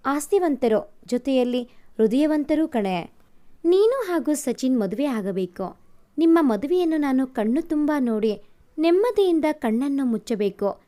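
An ailing old father in a spoken storybook , as a woman narrator puts him on. He pleads earnestly. The voice stays warm and fairly high. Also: lively intonation, a little slow. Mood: pleading. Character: older father, ailing, pleading for daughter's wedding.

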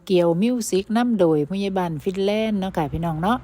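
Warm-voiced woman narrating a travel vlog. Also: medium pitch, fast. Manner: chatty, addresses viewers as "brothers and sisters". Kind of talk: voice-over narration.

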